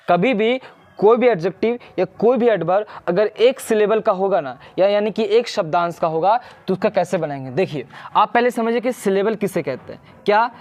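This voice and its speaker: A teacher giving a grammar lesson who keeps asking short questions and answering them, repeating key points and slowing down to spell out English phrases. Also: mid-range voice.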